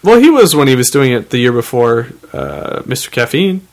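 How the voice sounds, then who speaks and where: Man bantering, mid-pitched voice. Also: very animated, normal speed. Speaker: podcast co-host. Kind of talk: casual banter.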